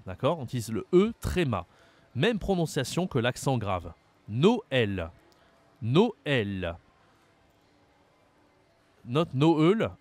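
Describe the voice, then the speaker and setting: Slow, lively French teacher man. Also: mid-range voice. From France. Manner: slow, exaggerated pronunciation, repeating sounds for learners. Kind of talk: online language lesson.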